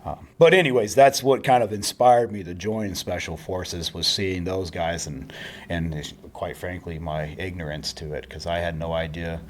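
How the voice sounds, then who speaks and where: Veteran guy with a really deep voice, laid back, mumbles off at the ends of stories. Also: moderate pace, slight background noise. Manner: low-key, trails off quietly with fillers. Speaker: guest, army veteran. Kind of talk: casual interview storytelling.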